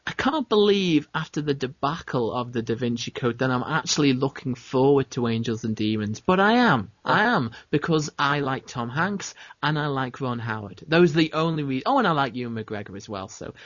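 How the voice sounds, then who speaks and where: A man's voice: medium pitch, expressive, normal speed, few pauses, fairly bright tone, no room sound, highs cut off. Chatty man hosting a film podcast. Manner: opinionated, chatty, with frequent fillers and restarts. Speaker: podcast host. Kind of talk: casual film chat.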